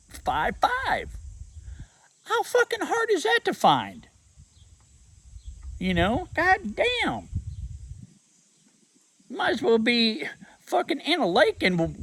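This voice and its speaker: A man's voice: high-pitched, a bit bright, poor audio. A man telling a rambling, profane story in a casual rant. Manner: profane, rambling, drawn-out delivery. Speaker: vlogger.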